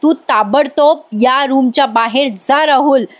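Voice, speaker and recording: A woman's voice: high voice, measured pace. A woman voicing a stern middle-aged mother who orders her son out, in a drama recap. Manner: commanding, then soothing.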